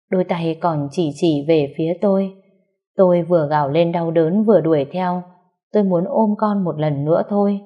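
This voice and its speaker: A woman's voice: on the low side, lo-fi sound. A woman narrating a sad first-person story in a sorrowful, tender way.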